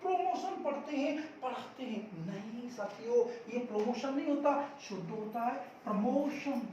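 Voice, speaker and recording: Extremely high-pitched and a bit mellow, this teacher sounds animated but talks slightly slowly, with the highs cut off. He drills spoken English by asking questions, then answering, stressing each repeated word, recorded from a distance in an echoey room with faint noise.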